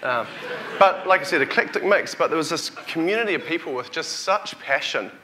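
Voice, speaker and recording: A man's voice: a little high, lively intonation, brisk, noisy background. A man in his thirties with a New Zealand accent, giving a conference keynote as a company chief. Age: 30s. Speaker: company CEO, conference speaker. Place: hotel conference hall, on stage before an audience. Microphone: lapel or headset mic.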